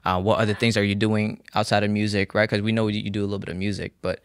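A man's voice: on the low side, flat delivery, clean tone, dry recording. Young man, podcast host, casual, dry close mic, from Burma. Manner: easygoing, fillers, quick asides. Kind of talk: casual interview hosting. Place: small indoor studio set. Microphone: handheld microphone.

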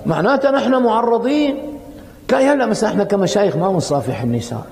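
Fast-talking Syrian sheikh, gravelly high voice. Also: male voice. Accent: Syrian Arabic. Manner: lively, conversational, many fillers. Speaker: sheikh giving a lecture. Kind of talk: colloquial storytelling sermon. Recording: reverberant hall with faint ambience.

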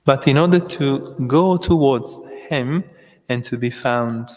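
A priest giving a homily at Mass, speaking at a pulpit microphone in a large church, in a slow, measured way with long pauses. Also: male voice, medium pitch, in a large hall.

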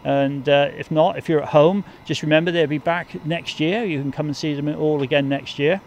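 A man's voice: fairly high pitch, fairly even intonation, normal speed, darkish tone. An older man interviewing a race driver outdoors in a paddock, talking in a chatty, friendly way with a handheld mic. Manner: chatty and friendly, with filler ums. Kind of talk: casual motorsport interview. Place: outdoors in a race paddock beside a team truck. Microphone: handheld mic with fluffy windshield. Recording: faint outdoor background noise.

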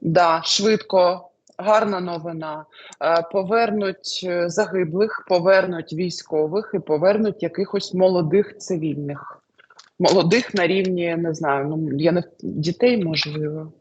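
Husky woman musing over predictions. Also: fairly low pitch, measured pace, a little mellow, muffled recording. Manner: hesitant, many fillers and trailing lists. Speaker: astrologer answering questions. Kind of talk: casual spoken predictions.

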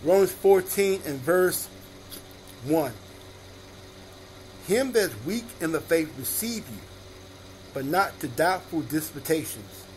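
A man preaching at an unhurried, measured pace, repeating each chapter and verse before reading it. His voice sits a little high for a man. A faint background noise runs under the recording. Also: expressive, a little mellow. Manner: repeats each verse reference slowly and deliberately. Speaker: minister. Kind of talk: slow sermon-style scripture reading.

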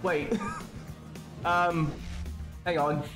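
A man's voice: a little high, little pitch movement, drawn-out words, music in the background, low-quality recording. A Scottish man in his twenties giving casual, sweary, rambling live gameplay commentary. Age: 20s. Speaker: game streamer.

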